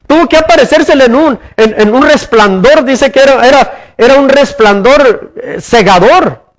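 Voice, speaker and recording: A man with a strikingly high voice preaches to his congregation in a church. He poses questions to the listeners and circles back over his words in a sermon cadence. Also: moderate pace. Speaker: pastor.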